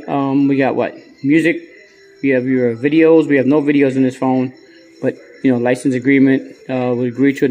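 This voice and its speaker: This US gadget reviewer's medium-pitched voice is a little mellow, though the recording quality is low. He hosts his vlog casually, tossing out slang and repeating himself often.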